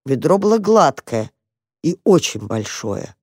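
A narrator reading a children's story aloud in a calm, even manner. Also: mid-range voice, a little slow, slightly rough, no echo, studio quality.

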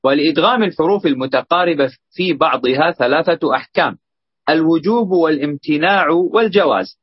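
A man reading a grammar text aloud in a lesson at a steady recitation pace, with small slips. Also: on the high side, slightly rough, no echo. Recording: dull, dry lo-fi recording.

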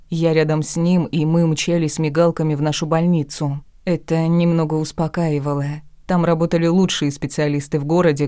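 Low, flat woman reading an audiobook. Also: smooth, no echo, clean studio sound. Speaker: audiobook narrator. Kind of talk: first-person audiobook narration.

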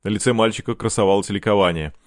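A man narrates an audiobook in a measured, dramatic manner. His voice is low and the sound is close and dry, with no room around it. The reading is steady scripted narration. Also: no echo.

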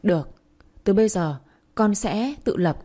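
A woman's voice: mid-range voice, animated, a little slow, dark tone, breathy edge. A woman voicing a wronged teenage daughter who pleads and protests tearfully, in a Vietnamese audio story. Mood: defiant.

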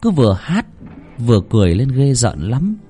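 A man narrating a horror story in an expressive, suspenseful way. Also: mid-range voice, moderate pace, faint music behind. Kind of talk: dramatic horror story reading.

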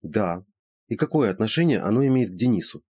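Here a man performs the part of a woman friend: brisk, skeptical, teasing and lecturing in a lively high register edged with huskiness. It's a close, dry sound with no room tone.

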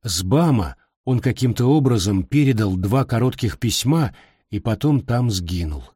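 Middle-aged male narrator, husky timbre, dry close mic, calm reflective memoir reading. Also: mid-range voice, normal speed, dry recording. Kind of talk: reading a personal memoir aloud.

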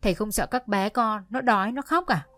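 Một người phụ nữ đọc lời một người cha giàu có, nghiêm nhưng thương con, giọng chắc chắn. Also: female voice, mid-range voice, fairly quick, fairly bright tone, no echo, soft background music, lightly acted. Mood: firm. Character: wealthy father, stern but indulgent.

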